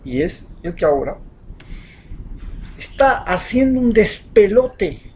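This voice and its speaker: A social commentator with an Ecuadorian accent speaks slowly in a high, sing-song voice through a passionate, rhetorical monologue of opinion. He alternates loud outbursts with quiet asides, and slight background noise can be heard.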